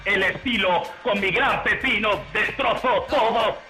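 A man's voice: high voice, unhurried, echoey room, music in the background. A man voicing a boastful, crude male rapper in a comic radio sketch, bragging in rhymes and sulking when he loses. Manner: brags in rhymes, sulks when losing. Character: boastful, crude male rapper who fancies himself an elf archer.

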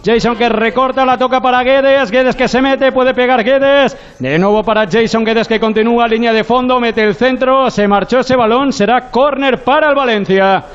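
A man's voice: very high voice, normal speed, clear, resonant tone, muffled recording. A man with an accent from Spain giving running play-by-play football commentary. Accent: Spanish, from Spain.

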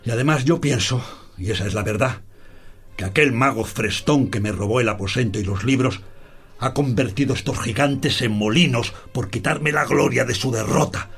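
An actor playing a deluded, grandiose old knight who declaims in lofty, archaic speech. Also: male voice, medium pitch, normal speed, gravelly, a bit bright, breathy edge. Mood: consoling.

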